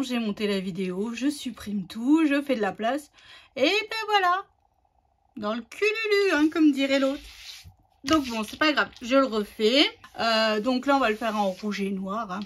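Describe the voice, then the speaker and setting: Woman, craft tutorial host, slightly high voice, chatty, rambling, lots of fillers.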